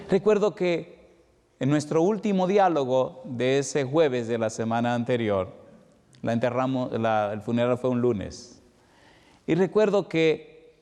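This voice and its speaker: This sermon comes from a middle-aged evangelist preacher from the Dominican Republic with a Dominican Spanish accent and a mid-range, slightly mellow voice. Telling an emotional personal story, he drags out points for emphasis before rushing ahead. Long hall reverb colors the sound.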